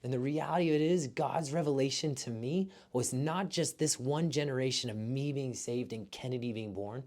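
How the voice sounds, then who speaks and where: A man speaks in an earnest, heartfelt way, urging his listeners on like a coach who cares. He talks at an everyday middle pitch, in a motivational talk that mixes fitness advice with faith. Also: moderate pace, a little mellow. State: emotional at moments. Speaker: physical therapist and gym owner.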